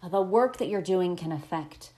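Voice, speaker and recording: A woman speaking as a podcast host and holistic coach, explaining spiritual wellness in a gentle, encouraging way. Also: fairly low pitch, normal speed.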